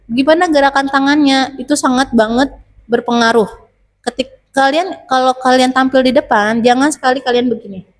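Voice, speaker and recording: A woman's voice: high voice, steady tone, moderate pace. A woman teacher, chatting to students about public speaking and asking many rhetorical questions. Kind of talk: casual advice to students.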